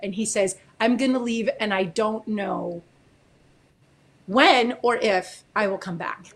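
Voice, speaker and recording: A woman from Florida, a military spouse, telling her personal story as an interview guest in an animated, emotional way with many fillers. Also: medium pitch, slow.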